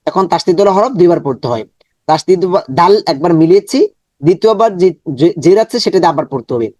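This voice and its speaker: Here a high-pitched, animated man with a slightly mellow voice guides listeners through Quran reading. He breaks words slowly into syllables, repeats every one many times, then recites the full words in a drawn-out chant, captured in a dry, studio-quality recording.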